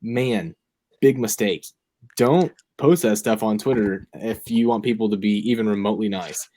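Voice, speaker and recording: A young man with a fairly low voice talks through his picks in casual chat. He rambles and thinks aloud, dropping plenty of ums and likes as he goes. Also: normal speed, mellow. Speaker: fantasy football podcast co-host.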